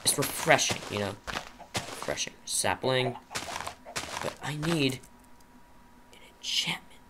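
A man's voice: mid-range voice, lively intonation, slow, noisy background. A nervous young man rambling to himself while commentating a survival game he is playing. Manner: jittery, rambling, talks to himself. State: nervous, shaky. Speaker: gaming channel host. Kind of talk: Minecraft commentary.

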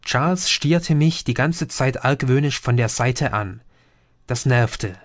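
A man reading a first-person audiobook in measured scripted narration. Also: medium pitch, no echo, studio quality. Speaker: audiobook reader.

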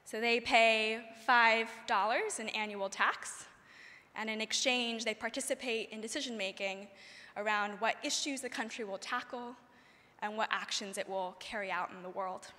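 A young woman delivers a measured, earnest speech from a podium in a large conference hall. Her voice is bright and sits a little high, and it carries a long reverberant tail from the room. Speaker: conference speaker. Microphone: podium microphone.

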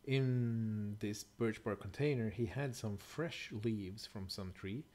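A man's voice: fairly low pitch, slow pace, a little mellow. A middle-aged man giving a casual, explanatory voice-over, thoughtful and a little hesitant, with fillers and self-corrections. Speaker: bushcraft presenter.

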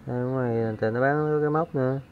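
A man's voice: medium pitch, fast talker, phone-quality sound, slight background noise. A man hosts a fishing channel and gives a casual hands-on tutorial, counting aloud as he works. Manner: relaxed, counting aloud while working.

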